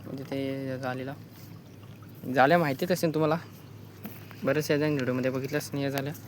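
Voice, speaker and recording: A man's voice: mid-range voice, fairly even intonation, quick pace, a little hiss or hum. A man vlogging casually outdoors while checking crab nets by the water, chatting to viewers and pointing things out as he films on a phone.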